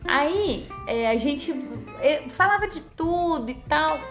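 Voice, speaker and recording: A woman with a Brazilian accent, co-hosting a casual chat, talkative and quick to share her own stories. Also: high voice, lively intonation, reverberant, music in the background. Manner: chatty, talkative.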